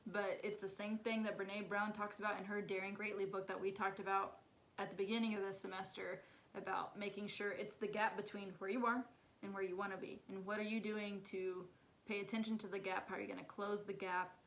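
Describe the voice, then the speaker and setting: A woman co-hosting a casual podcast chat, upbeat and quick to laugh. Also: medium pitch, level tone, low-quality recording. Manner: upbeat, laughs often, quotes others in bright voices. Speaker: podcast co-host.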